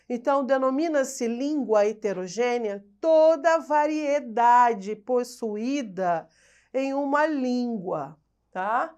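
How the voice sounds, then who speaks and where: A woman's voice: fairly high pitch, animated, takes it slowly, a little mellow, clear, resonant tone. A woman from Brazil teaching a recorded online language class. She explains step by step, asks rhetorical questions and answers them herself, checks in with "tá?", and corrects herself over hard words.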